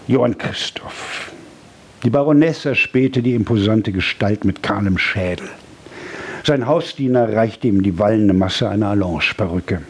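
A man narrating a historical novel as an audiobook in a measured reading. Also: fairly low pitch, breathy edge. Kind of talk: scripted narration.

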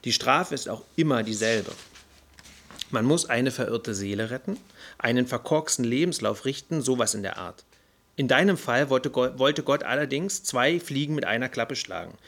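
A man's voice: mid-range voice, lively intonation, moderate pace, fairly bright tone. A man voicing a brash, irritable male fallen angel who rants in a flippant, indignant way. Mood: breezy. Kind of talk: audiobook character voice.

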